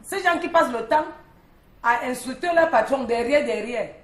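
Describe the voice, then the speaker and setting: A woman's voice: sits high, expressive, normal speed, reverberant. A woman columnist on a morning talk show, telling a street story in a chatty, teasing way. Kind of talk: lively storytelling chat.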